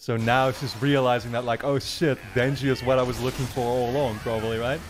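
A man in his twenties, an anime reaction YouTuber, talks casually in slangy, informal speech, thinking aloud as he reacts. His mid-range voice barely moves in pitch and runs fairly quick, close on a boom-arm studio mic in a small furnished room, with soft music in the background.

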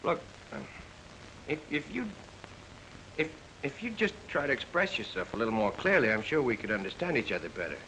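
An actor playing a flustered, mild-mannered young husband in 1940s screwball comedy banter, stammering and fussily polite, on an old film soundtrack. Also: male voice, medium pitch, sing-song, fairly quick, sharp tone, slight background noise, low-quality recording. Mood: polite, puzzled.

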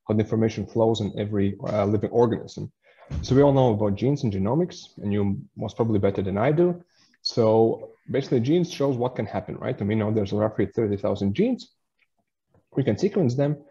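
A man's voice: mid-range voice, warm tone, highs cut off. A man in his thirties from Latvia, giving a science lecture in a webinar, hesitant with fillers and restarts. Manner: hesitant, many fillers and restarts while explaining.

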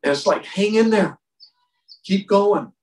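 A man leads an informal Bible lesson for a group of men, speaking in a somewhat high voice. He talks emphatically, circling back and repeating words to drive points home. The sound is roomy, picked up from away from the microphone. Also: a little slow, a little mellow, distant mic. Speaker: men's Bible study leader.

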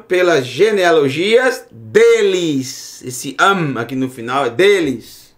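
A fairly high-voiced man teaching Bible Hebrew. He talks slowly and with a lively, rising and falling pitch. He repeats each word and keeps checking that his students follow. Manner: explains slowly, repeats words, asks "né?" and "tá bom?". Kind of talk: recorded Bible Hebrew lesson.

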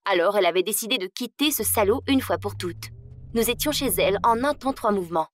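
A woman's voice: mid-range voice, lively intonation, fairly quick. Woman telling a dramatic story. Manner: dramatic, emotional delivery that rises in tense moments. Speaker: storyteller narrating in first person. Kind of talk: scripted story narration.

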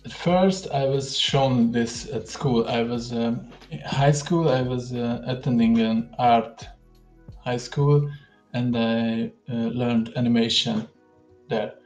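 A young man from Hungary with a Hungarian accent, a guest speaking over a headset on a video call, pausing often and filling gaps with "uh". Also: mid-range voice, a little mellow, echoey room, faint music behind. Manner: hesitant, many pauses and fillers. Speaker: guest 3D artist. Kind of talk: livestream video call interview.

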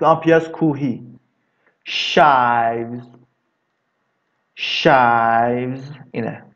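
A man teaching English vocabulary in a casual lesson, drawing words out slowly and adding chatty asides. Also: medium pitch, lo-fi sound. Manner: slow, drawn-out repetition of words, chatty asides.

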